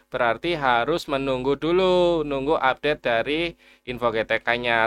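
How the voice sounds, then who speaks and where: An education YouTuber runs a casual, reassuring screen-share tutorial on a teacher data portal, speaking to viewers as friends. His mid-range voice is smooth and fairly bright, and the recording is dry.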